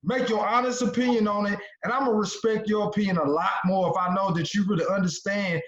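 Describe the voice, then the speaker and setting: A man's voice: high-pitched, fairly even intonation, quick pace, a bit bright, reverberant, highs cut off. A man in his thirties co-hosting a sports podcast, talking casually in slang and arguing his point. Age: 30s. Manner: slangy, persuasive. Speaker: podcast co-host. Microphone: video call.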